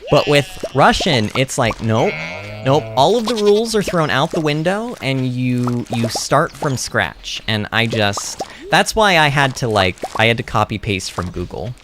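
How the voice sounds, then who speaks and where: Here a farming-game livestreamer, a native English speaker, rambles and fields chat questions in an animated, emphatic way. The medium-pitched voice is sing-song and unhurried, with a noisy background behind it.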